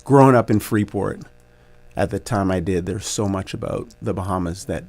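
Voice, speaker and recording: A man in his forties with a lowish, gravelly voice talks as a radio guest. He reflects warmly on his coaching career, chuckles often, and works through his thoughts with plenty of ums and restarts. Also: normal speed. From Canada. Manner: reflective, grateful, laughs easily, many fillers. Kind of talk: radio interview conversation.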